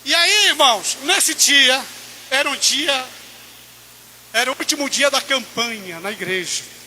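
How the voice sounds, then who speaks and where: A man's voice: very high voice, lively intonation, a little slow, slight background noise. A man preaching in church, telling his own testimony with impassioned, rising delivery. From Brazil. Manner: impassioned, rising to near-shouted peaks. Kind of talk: sermon testimony.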